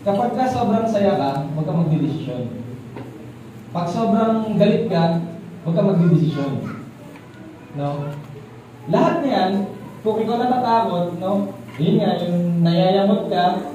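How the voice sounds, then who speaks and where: Man, church teacher, chatty sermon, high and mellow voice, distant mic, roomy reverb with faint ambience. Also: measured pace, pauses often, slight background noise. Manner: keeps asking listeners for agreement, relaxed and chatty. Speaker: church leader teaching a congregation. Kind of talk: conversational sermon. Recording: echoey, distant mic in a hall.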